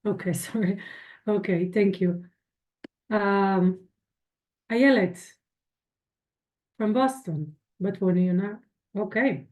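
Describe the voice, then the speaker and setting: A woman leading introductions in an online class over a video call, friendly and halting, with many restarts. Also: medium pitch, a little mellow. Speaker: course instructor.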